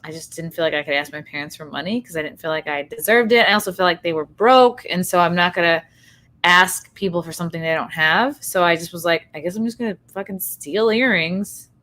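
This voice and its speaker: Casting: female livestream host, bright forceful tone, blunt and sweary, loose conversational delivery. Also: on the low side, fairly quick. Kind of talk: casual chat.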